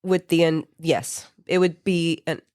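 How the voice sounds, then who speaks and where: This speaker has a stuffy nose and explains terms in a hesitant way, with many pauses. The voice sits at a mid pitch. The sound is dry and close. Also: steady tone, a little mellow, smooth, no echo. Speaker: podcast co-host. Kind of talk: casual discussion.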